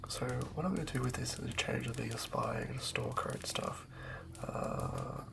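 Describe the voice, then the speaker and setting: Up close, an ASMR host whispers in a mid-range, creaky voice with huge pitch swings, taking an unhurried pace. She murmurs and thinks aloud in fragments while planning a tabletop game, improvising a villain as she rambles.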